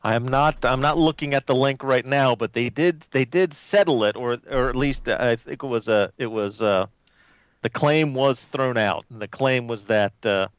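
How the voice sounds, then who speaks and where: Co-host guy with a smooth resonant voice, dry close sound, keeps restarting. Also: medium pitch, normal speed, no room sound. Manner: hesitant, restarting sentences. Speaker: podcast co-host. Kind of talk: casual chat.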